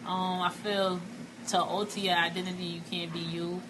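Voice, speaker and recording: Woman, 20s, confident and direct interview subject, slightly low voice, music bed. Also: flat delivery, moderate pace, noisy background. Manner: frank, self-assured. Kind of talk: documentary interview.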